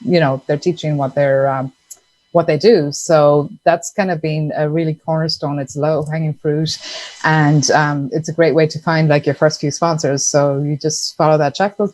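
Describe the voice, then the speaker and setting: A woman's voice: low-pitched, a little mellow, no room sound, rough recording. An Irish woman from Ireland, a podcast guest chatting casually about her consulting work, with frequent ums and easy laughs. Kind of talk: casual interview chat.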